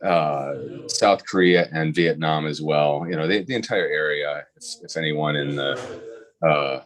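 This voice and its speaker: A man hosting a casual video-call interview, talking haltingly with lots of fillers and restarts. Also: very deep voice. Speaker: host.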